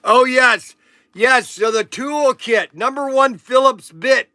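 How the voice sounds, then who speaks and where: A man in his sixties chats loosely through a livestream, rambling and joking with his viewers. His voice sits high and bright for a man, and the sound is close and dry. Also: takes it slowly, no room sound. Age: 60s. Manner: rambling, chatty, joking with viewers and reading out chat comments. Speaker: livestream auction host. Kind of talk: casual livestream chat.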